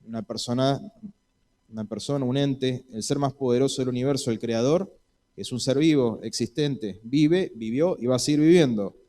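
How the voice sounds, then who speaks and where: A man's voice: mid-range voice, moderate pace, mellow. A man with an Argentine Spanish accent preaching a sermon in a church, acting out Bible dialogue in voices.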